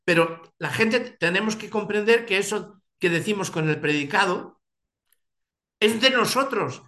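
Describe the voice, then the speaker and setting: A man leads a philosophy seminar in an echoey room. His voice sits a little high. He thinks aloud, breaking off and restarting, and keeps checking whether he is understood. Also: a little slow, bright, forceful tone. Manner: thinks aloud, many restarts and rhetorical questions. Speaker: seminar leader.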